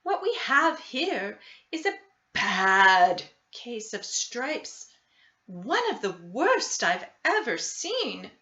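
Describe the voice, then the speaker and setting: A woman voicing a kind, sweet, plump old woman in a storybook, bright and gentle in manner. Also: fairly high pitch, very animated, very slow, highs cut off, full character voice. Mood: concerned.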